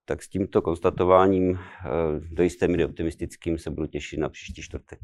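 Low-voiced informal male host, dry sound. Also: steady tone, a little mellow, no room sound. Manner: informal, loosely phrased. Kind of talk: political discussion.

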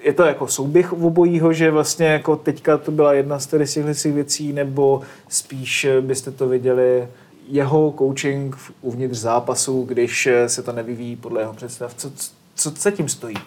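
A man's voice: medium pitch, little pitch movement, darkish tone. A man hosting a casual football discussion, talking in a colloquial way and putting questions to his guests.

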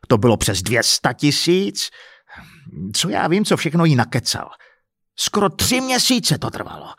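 A man voicing an indignant middle-aged husband who rants and shouts crudely about being cheated, in an audiobook story. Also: mid-range voice, no room sound, clean studio sound, close to an everyday voice. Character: furious middle-aged man, swindled family.

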